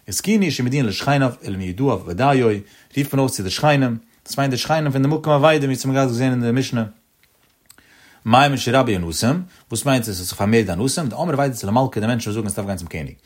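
Guy w/ ish doing a talmud lesson, sing-song, talks fast. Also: medium pitch. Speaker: Talmud teacher. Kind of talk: Talmud lecture.

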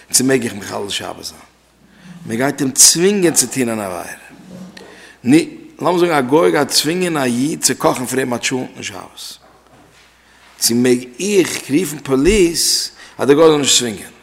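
A man's voice: medium pitch, gravelly. A man teaching a class on religious law. He repeats key phrases and asks questions aloud. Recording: long reverb from a hall.

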